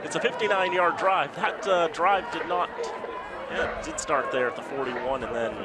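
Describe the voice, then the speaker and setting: A man doing live play-by-play American football commentary, with excited, drawn-out touchdown calls, in a noisy outdoor stadium. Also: on the high side. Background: crowd and loud outdoor ambient noise.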